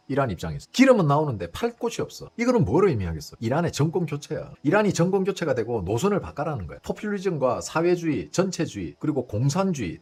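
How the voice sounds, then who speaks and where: A man's voice: a little high, darkish tone, slightly rough. A man hosting a political commentary livestream, blunt and profane, firing off rhetorical questions. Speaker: host.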